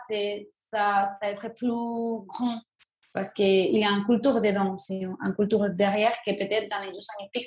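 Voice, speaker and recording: A young woman speaks in a casual, halting way. She often stops to restart her sentences and fills the pauses with hesitations. Her voice carries in a noticeably roomy, echoing space. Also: medium pitch. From Venezuela. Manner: halting, frequent restarts and fillers. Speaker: guest, breakdancer. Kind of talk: casual interview answers. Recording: roomy echo.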